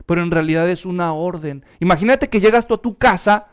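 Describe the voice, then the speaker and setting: A man preaches a lively sermon in a high-pitched voice. His tone is smooth and clear, and he keeps urging his listeners to turn to one another and speak. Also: fairly quick. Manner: animated, urges the congregation to respond aloud. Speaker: pastor.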